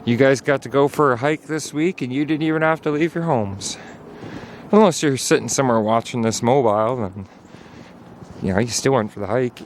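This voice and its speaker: A man's voice: medium pitch, moderate pace, slight background noise. A man narrating a casual hiking vlog outdoors on a snowy trail, chatty and at times out of breath. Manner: chatty, talking while hiking, sometimes out of breath. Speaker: vlogger.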